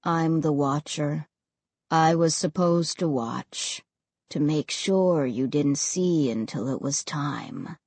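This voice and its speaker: A woman voicing a sad undead boy who speaks slowly in a low, flat tone. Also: breathy edge, dry recording, heavily acted. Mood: grim, flat.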